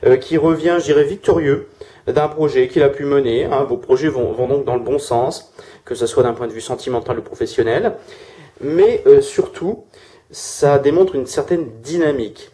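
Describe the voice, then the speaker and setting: A man's voice: medium pitch, moderate pace, dark tone. A man giving a casual weekly tarot reading, hesitant with many fillers and restarts, speaking through a sore throat. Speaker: tarot reader.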